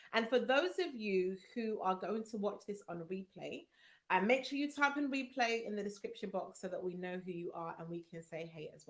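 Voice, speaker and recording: An upbeat, chatty woman hosts a live-streamed interview. She talks freely and fills pauses with plenty of "um"s and "you know"s. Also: medium pitch. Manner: chatty, upbeat, many fillers. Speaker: host.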